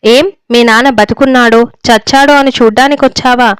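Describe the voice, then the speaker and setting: A woman reading a story voices a stern, domineering older father who shouts and scolds harshly, in a dry, clear recording. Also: a little high, fairly even intonation, a little fast, dry recording, natural voice. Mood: angry.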